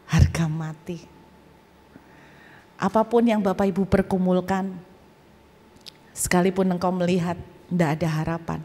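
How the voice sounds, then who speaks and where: A woman guest preacher telling a personal testimony in a sermon, animated and humorous, with casual colloquial asides. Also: on the low side. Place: church auditorium. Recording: long church hall reverb.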